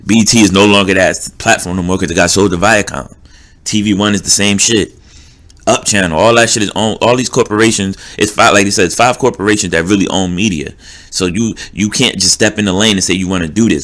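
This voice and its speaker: A young man with a New Jersey accent, hosting a podcast and ranting casually in a streetwise, rambling way. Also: on the low side. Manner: animated, streetwise, rambling with many fillers. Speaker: podcast host. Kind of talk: casual rant.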